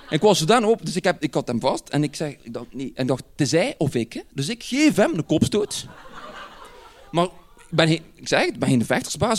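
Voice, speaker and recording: A man with a Flemish accent, telling a personal anecdote in an animated way and chuckling often as he goes. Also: high-pitched.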